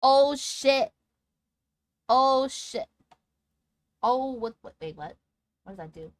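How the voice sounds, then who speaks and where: A woman livestreamer chatting casually with her audience in a cute, playful, excitable anime-streamer manner. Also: high-pitched, takes it slowly, no echo, studio quality. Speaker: livestreamer talking to chat.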